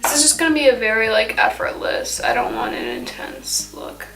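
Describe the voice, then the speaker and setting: In an echoey room with faint music behind her, a teenage beauty vlogger chats through her makeup routine. Her voice is on the high side, and its pitch swoops wildly at a moderate pace. She says "like" constantly and often leaves sentences unfinished.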